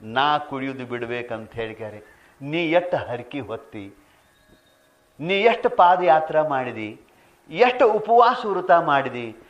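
A man's voice: mid-range voice, lively intonation, unhurried, long pauses, lightly acted. A man voicing a remorseful husband who lost everything to drink, lamenting. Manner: lamenting, regretful. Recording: dull lo-fi recording.

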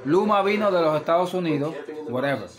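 A man's voice: fairly high pitch, lively intonation, a little fast, crowd noise. A man ranting off the cuff, heated and profane, repeating himself. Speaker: vlogger. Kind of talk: off-the-cuff rant.

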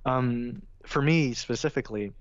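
A man's voice: mid-range voice, a little slow, no room sound. Give me a chatty young man on a dry, lo-fi mic. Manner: animated, acts out his own narration voice; filler-heavy, says "like" and "you know" often. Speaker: guest, film video essayist. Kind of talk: casual interview chat. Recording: dull, lo-fi dry sound.

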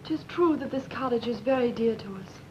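An earnest young melodrama daughter, played by an actress, speaking with quaint stage diction in a somewhat high voice. The sound is dull and lo-fi. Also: female voice, fairly quick, warm tone, slight background noise, natural voice. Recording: dull lo-fi old recording.

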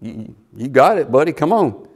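A pastor voicing Jesus in a sermon retelling, gentle, slow and encouraging. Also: male voice, medium pitch, big pitch swings. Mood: reassuring. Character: calm reassuring Jesus, adult man.

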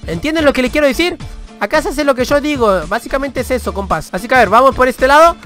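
A young man with a Rioplatense Spanish accent giving crude, excitable, boastful commentary over gameplay. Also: extremely high pitch, fast, soft background music. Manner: excitable, crude, playfully boastful, bursts into shouts and laughs. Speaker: gaming YouTuber.

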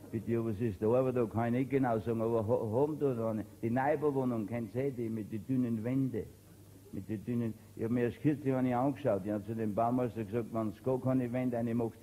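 Upper Austrian male comedian, stammering dialect storyteller, dark mellow voice, faint noise behind; live comic monologue. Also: lowish voice, poor audio. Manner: stammering storyteller, dialect joke-telling with quoted exchanges. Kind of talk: stand-up folk comedy monologue.

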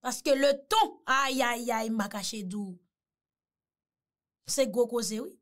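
A woman's voice: on the high side, slow, a bit bright. A Haitian woman giving a mocking, teasing commentary, slipping in French phrases. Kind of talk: animated commentary.

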